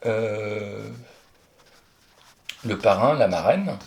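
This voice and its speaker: A man's voice: fairly low pitch, expressive, extremely slow, a little mellow. Chatty man correcting spelling exercises. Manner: talks directly to the child, chatty, corrects himself aloud. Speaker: primary school teacher. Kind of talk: explaining spelling exercises to a child.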